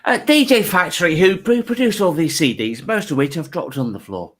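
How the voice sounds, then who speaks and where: A man's voice: fairly high pitch, expressive, brisk, very noisy. A man doing a stand-up comedy set, chatty and stumbling, mocking himself.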